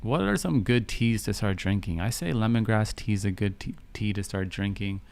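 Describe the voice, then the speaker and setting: Hosting a relaxed live stream chat, this man from Canada, who grew up in Vancouver, sounds gravelly and darkish, with a lowish voice at a moderate pace. A podcaster and streamer, he's encouraging, repeats himself, and checks in on listener understanding.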